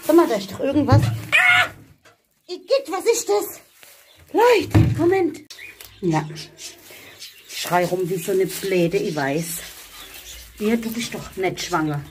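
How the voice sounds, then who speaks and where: A woman's voice: medium pitch, very animated, a little slow, pauses often, a little mellow, a little hiss or hum. A woman from Germany vlogging outdoors in a hot village yard, chatting to viewers and coaxing her animals with pet names. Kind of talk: casual vlog talking to viewers and animals.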